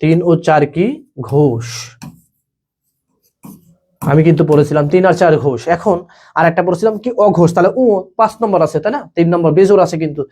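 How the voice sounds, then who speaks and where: Speaking in a mellow voice on the high side, a young man quizzes students in a live online admission class. He moves fast, repeats each question and answer, and keeps dropping "okay bhaiya."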